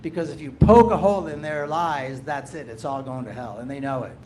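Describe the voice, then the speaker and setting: Man from jerusalem, audience comment, emphatic, earnest, slightly high voice, faint noise. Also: a little fast, darkish tone. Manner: earnest, emphatic, repeats phrases. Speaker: audience member, activist. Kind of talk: impassioned public comment.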